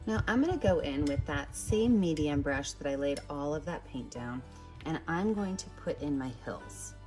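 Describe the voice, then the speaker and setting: A woman art teacher leads a step-by-step tutorial, speaking to viewers in a friendly, direct way over background music. Her voice sits low with a darkish tone, animated and at normal speed.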